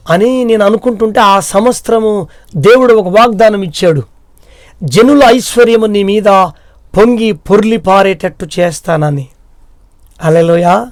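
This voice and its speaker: A man's voice: high-pitched, no echo, studio quality. A middle-aged man from India with a Telugu accent, a pastor telling his personal testimony in a repetitive, pleading way. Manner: repetitive, pleading, tearful retelling.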